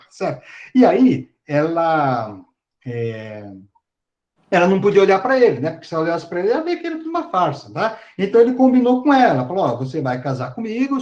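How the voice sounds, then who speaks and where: A man's voice: a little high, darkish tone, lo-fi sound. A man giving a casual university lecture, retelling a myth in slangy, filler-filled speech. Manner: colloquial, slangy storytelling with many fillers and laughs. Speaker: psychology lecturer.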